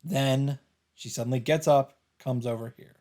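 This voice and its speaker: Hosting a let's play, this man reads visual novel narration in a mellow, medium-pitched voice at normal speed, his intonation fairly even. Behind him, game music is faintly audible.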